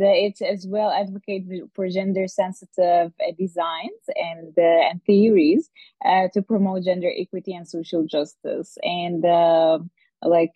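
Low-voiced woman, halting remote guest. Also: dark tone, no room sound. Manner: halting, thoughtful, many pauses. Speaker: podcast guest. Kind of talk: casual remote interview talk. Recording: dull, dry remote call audio.

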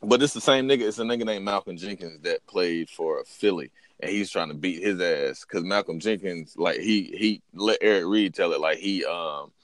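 A man with a fairly low voice argues his opinions as a podcast co-host. He is emphatic and slangy, swears freely, and is recorded very dry. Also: moderate pace, hardly any pauses, no echo. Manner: emphatic, slangy, profane, repeats himself for emphasis. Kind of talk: casual opinionated chat.

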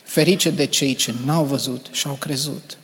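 A man, a preacher, reading scripture aloud to a congregation in a measured, earnest way. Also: a little high, steady tone, a bit bright. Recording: reverberant hall.

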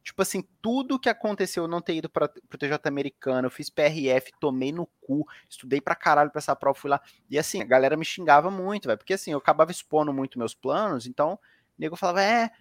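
A man's voice: on the high side, expressive, fast talker, no room sound, clean studio sound. A man hosting a casual podcast, telling a story with lots of slang and swearing. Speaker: podcast host.

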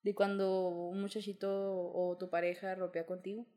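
A woman's voice: medium pitch, level tone, moderate pace, dark tone. Young Mexican woman telling candid stories. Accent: Mexican Spanish. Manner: candid, slangy storytelling. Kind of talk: casual chat.

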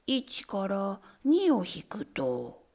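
Woman doing nervous pompous little rat, stammering, low and whispery, slow, storybook. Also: wildly swooping pitch, a little mellow, heavily acted. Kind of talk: storybook reading.

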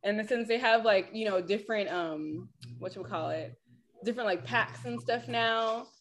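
A woman with a Californian valley girl voice, co-hosting a casual podcast chat, animated and laughing often. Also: mid-range voice, moderate pace. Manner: animated, laughs often, acts out quoted lines. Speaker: podcast co-host.

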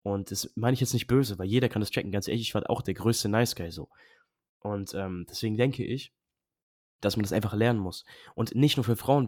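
Blunt young man with a low voice. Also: darkish tone, breathy edge, no room sound, studio quality. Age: young adult. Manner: blunt, slangy, emphatic. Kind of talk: casual chat.

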